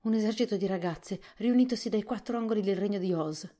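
A woman reading a storybook softly, voicing a nervous, apologetic male soldier. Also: medium pitch, fast talker, pitched above the performer's own voice, lightly acted. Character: timid male soldier with big whiskers.

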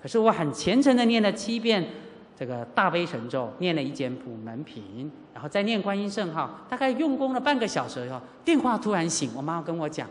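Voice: medium pitch, very animated, fairly quick. A middle-aged Buddhist teacher from Taiwan, giving a sermon full of personal stories, acting out dialogue and asking the audience rhetorical questions. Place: lecture hall at a Buddhist centre. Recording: long reverb of a lecture hall.

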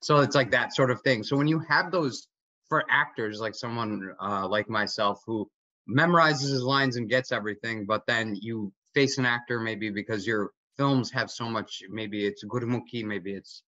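A young man in his twenties, an actor, asks an eager, rambling question over a video call from his home kitchen. His mid-range voice moves at a moderate pace, sounding pushed and bright. The audio is dull and dry, with no room sound.

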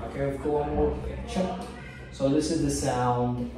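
A man teaching English, slowly prompting a young learner and modelling words for the pupil to repeat. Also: medium pitch, fairly even intonation. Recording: echoey room, mic far off, faint noise.

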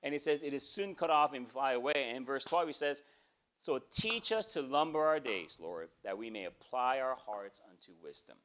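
A medium-pitched man in his forties preaches a sermon at normal speed inside a small church sanctuary, where he serves as pastor. He's conversational and animated in his gestures, and he regularly checks in with "okay?"

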